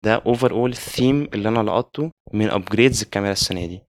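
A man's voice: lowish voice, fast, no echo, clean studio sound. A man with an Egyptian Arabic accent, mixing English words and phrases into Arabic as he discusses tech casually.

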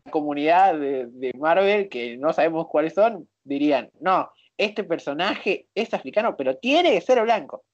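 A woman's voice: low-pitched, expressive, moderate pace, hardly any pauses, no room sound. Hesitant Rioplatense woman on a dull mic. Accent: Rioplatense Spanish. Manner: hesitant, thoughtful, many fillers. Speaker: podcast co-host. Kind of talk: casual podcast chat.

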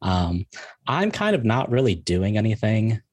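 Man with a low husky soft-spoken voice. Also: big pitch swings, no echo. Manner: soft-spoken, halting, self-deprecating, many fillers. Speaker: podcast guest, writer. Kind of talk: casual group discussion.

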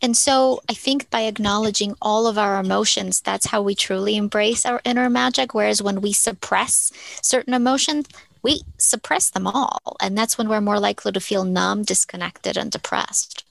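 A woman from Ukraine, a therapist and author, answering interview questions in an earnest, reflective way with thoughtful pauses. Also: medium pitch, vocal fry, no room sound.

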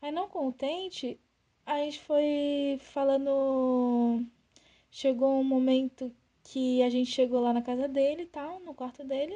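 A woman's voice: sits high, highs cut off. A young woman, casually telling a story on a podcast and acting out the dialogue in it. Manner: animated, acts out quoted dialogue. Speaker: podcast co-host.

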